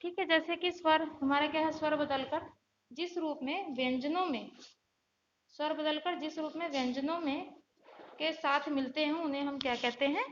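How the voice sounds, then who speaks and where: A woman with a high voice teaches a grammar class. She poses questions and answers them herself, and she spells out letters slowly. The recording is a little muffled, with faint hiss underneath. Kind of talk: classroom lesson explaining from a board.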